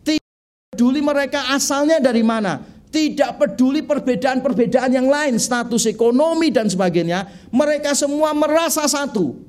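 A middle-aged man preaching a sermon in a conversational, animated way, telling humorous stories. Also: very high voice. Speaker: pastor.

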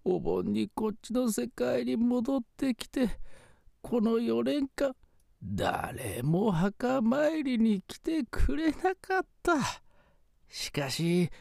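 A man voicing the ghost of a doting, sentimental old grandfather in a drawn-out, wavering ghost voice for a comedy radio skit. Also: very high-pitched, sing-song, vocal fry, darkish tone, no room sound, studio quality, voice pushed up, exaggerated voice. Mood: tearful gratitude.

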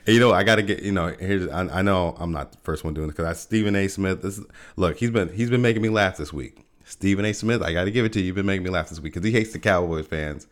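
A man with a low, deep voice talks on his solo podcast in a loose, joking way. He laughs a lot and keeps restarting his sentences with repeated words. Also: fast. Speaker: podcast host. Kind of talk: casual solo podcast chat.

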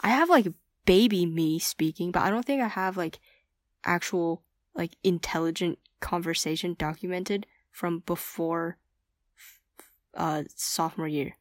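A teenage girl co-hosts a casual podcast with her friends, speaking in a lowish voice at a measured pace. The studio recording is clean with no echo, and her chatty talk is full of fillers and restarts.

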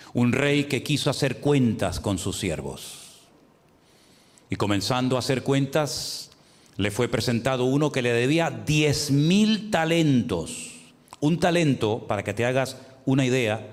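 A man preaching a sermon as pastor, with rising emphasis and rhetorical questions. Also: medium pitch. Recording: long hall reverb.

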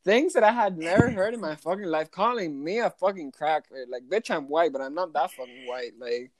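A young woman casually telling a hotel front desk story as a podcast co-host, animated and swearing a lot, sometimes slipping into Spanish. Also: low voice, fairly quick. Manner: switches between English and Spanish.

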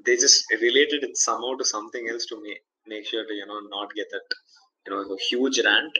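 A man's voice: lowish voice, steady tone, a little fast, sharp tone, low-quality recording. A young man from India co-hosting a casual tech chat, talking in long rambling stretches full of fillers. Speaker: podcast co-host.

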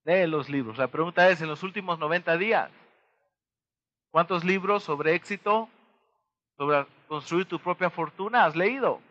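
A Mexican-accented man delivers a motivational talk in a high, bright voice. He keeps turning to his listeners with quick rhetorical questions and acts out small dialogues as he goes. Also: highs cut off. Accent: Mexican Spanish. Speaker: motivational speaker.

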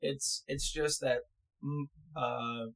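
A young man with a stutter chats loosely with friends around one shared mic. His talk comes in halting bursts full of repeated starts, in a mid-range voice. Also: medium pitch, steady tone, a bit bright, rough recording. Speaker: podcast co-host. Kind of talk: casual chat.

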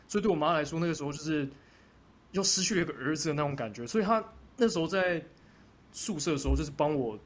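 A man's voice: fairly high pitch, lively intonation, quick pace. A young man co-hosting a podcast, telling a personal story in rambling, hesitant casual chat. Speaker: podcast co-host.

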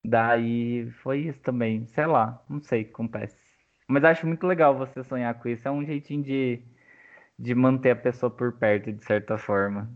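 A man's voice: medium pitch, steady tone. Young man telling a story, tinny phone-like sound. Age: young adult. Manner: emotional, rambling, halting, with many fillers. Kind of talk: casual chat, personal storytelling.

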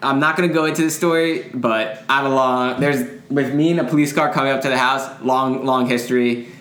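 A man's voice: medium pitch, fairly even intonation, fairly quick, a bit bright. Rambling young man, echoey room. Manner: rambling, filler-heavy storytelling with frequent restarts. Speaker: podcast co-host. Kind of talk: casual chat.

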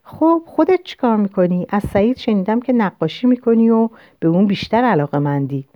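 A woman's voice: medium pitch, dry recording, voice pushed up, lightly acted. A woman putting on a gushing middle-aged lady. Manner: effusive, flattering. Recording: dull lo-fi recording.

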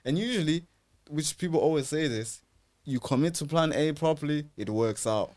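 A man's voice: fairly high pitch, expressive, moderate pace, darkish tone. A young man with a London accent, talking casually in slangy roadman style as a podcast co-host.

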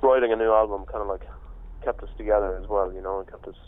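A young Spanish man who plays in a band reflects softly during an interview, using many "you know" fillers. His voice is on the low side, fast, and fairly even in intonation, and it comes through with a tinny phone-line sound.

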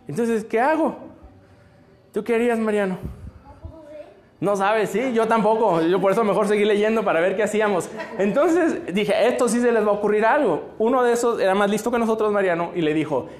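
A man's voice: high voice, a little mellow. A man telling a Bible story to children in a playful, joking way and quizzing them as he goes. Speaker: children's preacher.

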